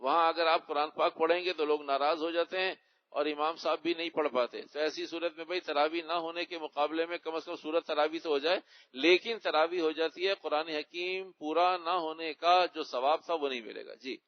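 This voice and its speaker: A man, an Islamic scholar, lays out religious rulings for an audience in a Q&A lecture, repeating key words to drive them home. His voice sits a little high. The recording is dull and lo-fi. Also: steady tone. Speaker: Islamic scholar answering questions.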